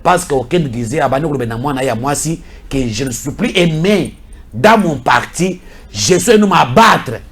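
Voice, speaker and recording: A Congolese man talks politics heatedly, moving between French and Lingala and hammering his points through repetition. His voice is fairly high, bright and animated with a breathy edge, at normal speed.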